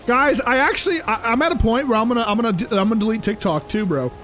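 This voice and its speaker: A young man live-streaming a video game, chatting casually with his viewers in an animated, exasperated ramble full of fillers. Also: very high-pitched, fast talker, faint music behind, low-quality recording. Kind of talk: casual live-stream chat while playing.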